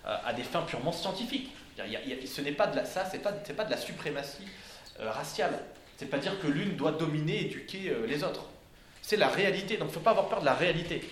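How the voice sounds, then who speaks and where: A man's voice: on the high side, expressive, quick pace, fairly bright tone, a little hiss or hum. Man lecturing in an echoey room. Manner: hesitant, many fillers and restarts. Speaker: speaker giving a talk. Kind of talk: informal lecture to a live audience. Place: indoor room with listeners. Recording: echoey room, faint ambience.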